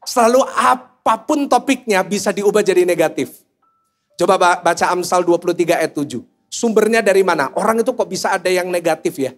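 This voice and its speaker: A man's voice: high-pitched, brisk. A male pastor preaching a sermon to a congregation, joking and asking the listeners questions. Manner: jokey, animated, asks the congregation questions. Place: church service before a congregation.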